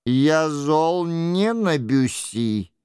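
A man's voice: fairly high pitch, expressive, extremely slow, darkish tone, clear, resonant tone, no room sound, studio quality. A man reading aloud who voices a resentful courtier nursing a grudge in a costume-drama audiobook.

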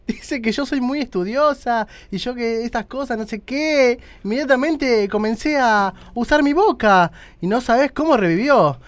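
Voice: medium pitch, dry recording, close to an everyday voice. A performer playing a cheeky, brazen woman with a Rioplatense Spanish accent in a comedy sketch. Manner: giggly, matter-of-fact, quick. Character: cheeky middle-aged woman, brazen and flighty.

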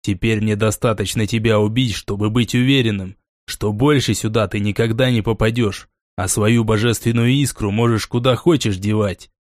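A man's voice: fairly low pitch, fairly even intonation, moderate pace, hardly any pauses, no echo, studio quality, close to an everyday voice. A man voicing a cocky, cruel clan leader who taunts his defeated enemy. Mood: mocking.

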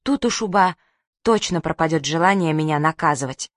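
A woman's voice: low voice, lively intonation, dry recording. A woman reading the part of a bossy, stubborn little girl who snaps indignantly, in a dry close recording. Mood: scheming. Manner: indignant, quick to snap.

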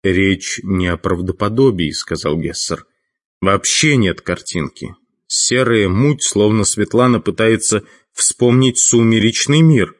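A man voicing a stern male chief of mages who speaks dryly and in a measured way, in an audiobook. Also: lowish voice. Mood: grumbling. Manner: dry, measured.

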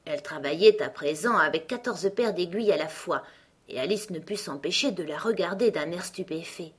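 A woman narrating an audiobook in a calm, even storytelling manner. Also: lowish voice, moderate pace, slightly rough. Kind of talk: scripted narration.

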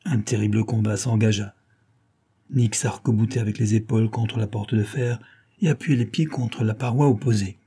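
A man narrating an adventure novel in a steady, even way as an audiobook reader. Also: fairly low pitch, normal speed, slightly rough. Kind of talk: scripted narration.

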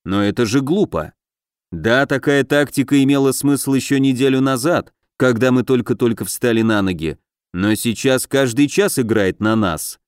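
A man voicing a gruff, stern male commander giving orders. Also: normal speed, no room sound, clean studio sound, natural voice. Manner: low, gruff growl.

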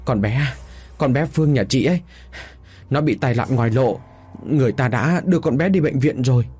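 A man voicing a frantic, out-of-breath village woman who shouts her news in a high, urgent voice. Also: animated, normal speed, breathy edge.

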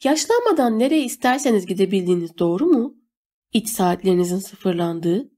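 A woman's voice: mid-range voice, sing-song, moderate pace, warm tone. A woman reading an audiobook voices a bitter gilled man with a raised, scornful voice. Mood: probing. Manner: scornful, accusing. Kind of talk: audiobook character voice.

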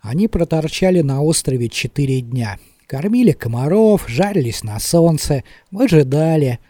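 A man narrating an audiobook in a measured, expressive reading. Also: on the high side, no room sound. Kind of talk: scripted narration.

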